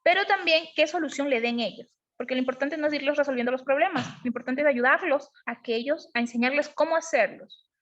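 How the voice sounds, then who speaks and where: A high-pitched woman leads a parenting lesson. She explains patiently and keeps asking her listeners whether they follow. The sound is dull and lo-fi. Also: fast talker, fairly bright tone. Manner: explanatory, asks frequent checking questions. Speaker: parenting educator. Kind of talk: online class on emotional parenting.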